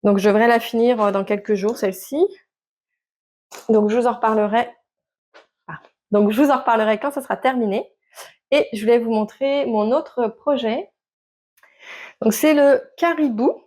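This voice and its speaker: Woman, casual vlog chat, slightly high voice, halting with fillers. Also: a little mellow. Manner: hesitant, many fillers and restarts. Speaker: knitting vlogger. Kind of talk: casual show-and-tell chat to camera.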